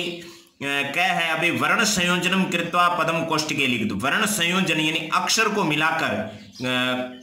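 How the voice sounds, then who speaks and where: A man's voice: a little high, bright, forceful tone. A man teaching a lesson to schoolchildren, going through the words one by one and asking questions that he answers himself. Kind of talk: classroom lesson explaining grammar. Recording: echoey room.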